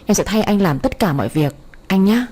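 A woman's voice: medium pitch, expressive, brisk, a little mellow, close to an everyday voice. A woman voicing a scheming man in his fifties who taunts and gloats. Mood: gloating. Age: 50s. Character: scheming middle-aged man, gloating villain.

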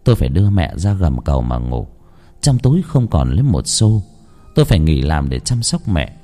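A man's voice: a bass voice, sing-song, normal speed, warm tone, faint music behind. A man narrating a first-person horror story in an emotional, dramatic storytelling manner.

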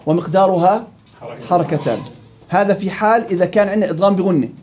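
Brisk Levantine male recitation teacher. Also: sits high, dull audio, faint music behind. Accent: Levantine Arabic. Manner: quizzes students and praises answers; stretches out example words slowly. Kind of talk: classroom teaching.

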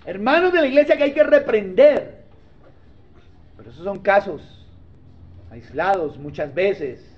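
A man's voice: high-pitched, lively intonation, measured pace, long pauses. A male pastor giving a conversational sermon, often asking his listeners to agree and acting out short dialogues, in a dull lo-fi recording. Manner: acts out little dialogues.

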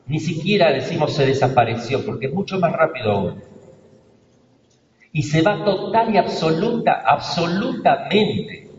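A priest from Argentina giving a sermon, preaching emphatically with sudden loud stresses and hushed asides. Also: male voice, on the high side. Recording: distant roomy church recording, dull sound, faint noise.

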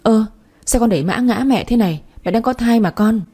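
A spiteful young stepmother, voiced by a woman in a spoken story, sneering and feigning innocence. Her voice is dark and breathy. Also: medium pitch, brisk, natural voice. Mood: falsely sweet. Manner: sneering, falsely sweet.

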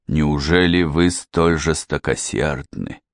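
A male narrator voicing a theatrical, self-pitying widow who talks in a slow, wailing way. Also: sits low, clean tone, no echo, clean studio sound. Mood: reproachful.

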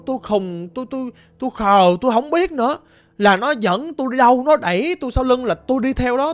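A woman voicing the ghost of a dead man speaking through a shaman, groaning and muttering low in a ghost story. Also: no room sound, natural voice.

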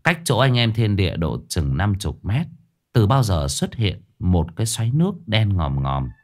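A man telling a first-person ghost story in a lively, dramatic way. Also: lowish voice, normal speed. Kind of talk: scripted ghost story narration. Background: faint music.

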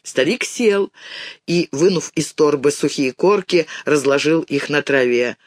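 A man narrating a children's story in an expressive, animated reading. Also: on the high side, a little slow, dry recording, clean studio sound. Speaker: audiobook narrator.

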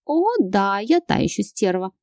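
A woman's voice: mid-range voice, expressive, moderate pace, warm tone, dry recording, studio quality, close to an everyday voice. A woman reading an audiobook, voicing a scheming wife with a sing-song, mocking manner.

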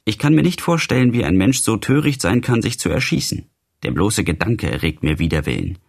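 A man's voice: lowish voice, animated, a little fast, vocal fry, husky, heavily acted. A man voicing Albert, a level-headed, matter-of-fact young man, in a literary audiobook reading. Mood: reasoning.

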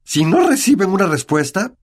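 A blustering middle-aged uncle who barks and bullies, as a male narrator with a Latin American Spanish accent puts him on. The voice is pushed well above the reader's own, loud and sweeping in pitch. It sounds like a storybook villain of the household. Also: big pitch swings, normal speed. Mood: agitated. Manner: barking, curt and bullying. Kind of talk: audiobook character voice.

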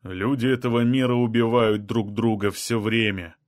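A male reader voicing a calm, blunt man from another kind of people, level and matter-of-fact even about killing. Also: mid-range voice, moderate pace, dry recording, clean studio sound, close to an everyday voice. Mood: cold resolve.

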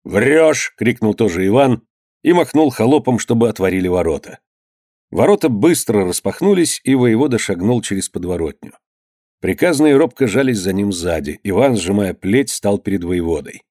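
A man narrating a historical story in an expressive storytelling manner. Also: on the low side, moderate pace, no echo, clean studio sound. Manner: expressive storytelling, lively delivery. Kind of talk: audiobook reading of historical prose.

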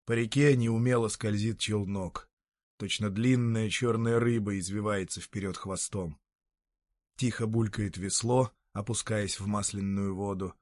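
A man narrating a literary story in a calm, measured way. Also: lowish voice, dry recording.

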